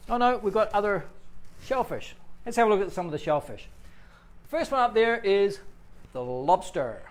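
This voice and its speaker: A man's voice: high voice, big pitch swings, moderate pace. Playful, chatty male English teacher. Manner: chatty and playful, jokes with viewers. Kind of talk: live-streamed English lesson.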